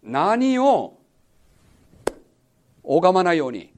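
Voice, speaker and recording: A man leads a sermon-style Bible study in a high voice with a lot of rise and fall. He keeps questioning his listeners and hammers home key words by repeating them. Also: huge pitch swings, extremely slow, a little mellow, slight background noise. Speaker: pastor teaching a Bible study.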